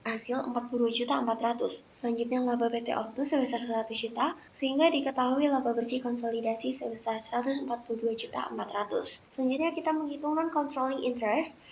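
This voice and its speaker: Quick and steady in tone, this young adult woman speaks on the high side as she walks through a scripted lesson. Her delivery is methodical and recited, much like a student presenter's. Background noise is clearly audible.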